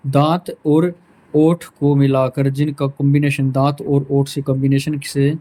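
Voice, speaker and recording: A man's voice: on the high side, dark tone, low-quality recording. A male teacher giving a pronunciation lesson, saying each sound aloud to demonstrate it.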